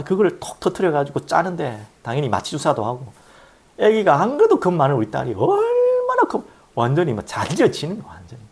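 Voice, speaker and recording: A middle-aged man preaching a sermon as pastor, telling stories and swinging from hushed asides to loud exclaims. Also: on the high side, creaky, slightly rough.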